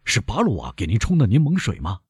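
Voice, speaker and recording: A man voicing a doctor who fires off quick, pressing questions and orders in an audiobook reading. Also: lowish voice, wildly swooping pitch, darkish tone, slightly rough, no room sound, exaggerated voice. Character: urgent male doctor, probing, commanding.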